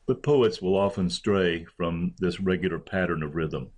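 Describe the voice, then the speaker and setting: Male lecturer, low voice, measured academic delivery with slow deliberate verse readings. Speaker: literature professor. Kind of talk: recorded lecture.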